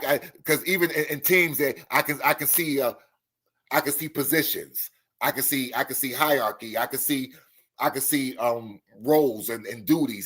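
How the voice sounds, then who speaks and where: A man's voice: mid-range voice, fairly bright tone, slightly rough. A man hosting a live chat stream, talking emphatically and often repeating himself. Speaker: host.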